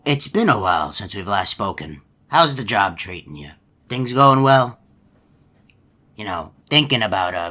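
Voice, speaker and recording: An actor playing a folksy, long-winded, gullible hippo animatronic in a video game, telling stories in a polite, meandering way. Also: male voice, sits low, sharp tone, heavily acted. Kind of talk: video game character monologue.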